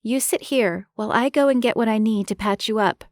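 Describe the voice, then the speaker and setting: A woman narrator voicing a caring young woman who fusses over an injury with brisk, bossy concern. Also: a little high, no echo, clean studio sound, pitched above the performer's own voice, close to an everyday voice. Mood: tender. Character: caring young woman, fussing, tender-hearted.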